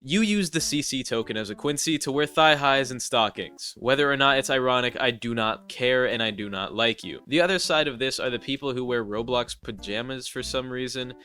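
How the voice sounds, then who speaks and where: A gaming YouTuber with a congested, stuffy, nasal voice from allergies delivers a scripted, sarcastic voice-over roast. His mid-range voice is bright and forceful, fairly quick, with hardly any pauses.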